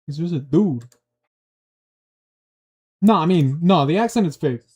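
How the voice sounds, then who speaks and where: A young man from Long Island with a New York accent, chatting casually on a livestream and reacting to his chat in a rambling, animated, slangy way. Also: on the high side, measured pace, slightly rough.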